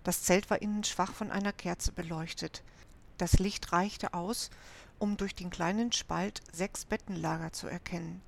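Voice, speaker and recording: Eine Frau, die ruhig und gleichmäßig ein Kinderabenteuerbuch vorliest. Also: female voice, fairly low pitch, fairly even intonation, a little slow, creaky, slight background noise. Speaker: audiobook narrator. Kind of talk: scripted narration of a children's adventure book.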